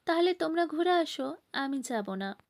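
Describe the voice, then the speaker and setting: A woman's voice: sits high, expressive, moderate pace. A woman voicing a stubborn, defiant teenage girl who refuses to go in an audiobook.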